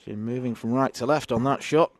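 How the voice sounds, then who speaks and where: A man's voice: mid-range voice, brisk. A man giving live darts commentary in a conversational way, with wry observations.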